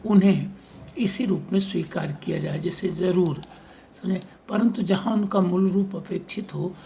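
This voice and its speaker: A man's voice: sits high, gravelly, a little mellow, a little hiss or hum. A male teacher giving an exam-prep lecture on spelling, reading out examples and often checking that his listeners follow.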